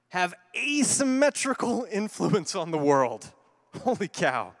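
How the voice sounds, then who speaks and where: Animated man giving a keynote in a hall. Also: sits high. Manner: animated, conversational, with playful asides. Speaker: keynote speaker. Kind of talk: conference keynote talk. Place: large conference hall before an audience.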